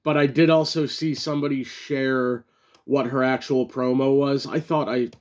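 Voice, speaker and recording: A man giving a casual solo review of a wrestling show, chatty and loose, with many fillers and bursts of excitement. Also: medium pitch, moderate pace.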